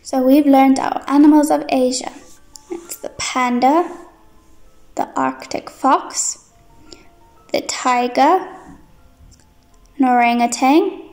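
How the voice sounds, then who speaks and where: A young woman presents a lesson for little children like a bright, cheery kids' host. Her high voice is encouraging and sing-song, delivered slowly with a noticeable creak. Light music plays behind her. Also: steady tone.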